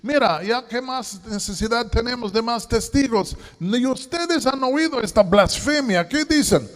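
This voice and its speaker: A man voicing an angry old high priest who presses a prisoner with loud demands, heard in a reverberant church hall. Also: animated, measured pace. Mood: indignant.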